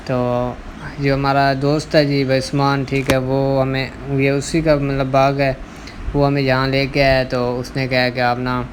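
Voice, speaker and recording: A man's voice: medium pitch, slight background noise. A man with a Punjabi accent narrating a casual village vlog outdoors in an orchard, talking chattily with many fillers. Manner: chatty, fillers like "matlab" and "theek hai". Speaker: vlogger.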